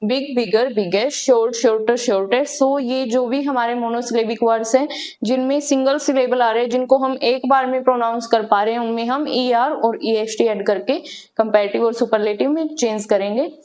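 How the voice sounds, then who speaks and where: A female English grammar teacher leads a classroom lesson in a fairly high, slightly mellow voice. She explains things step by step, poses questions and answers them herself, and spells out examples slowly.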